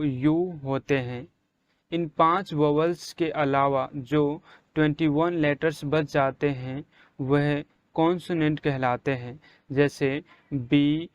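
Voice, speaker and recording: A man teaching English pronunciation in a slow, deliberate way, saying each example word out loud with strong stress. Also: a little high, smooth, no room sound. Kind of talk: slow spelled-out pronunciation lesson.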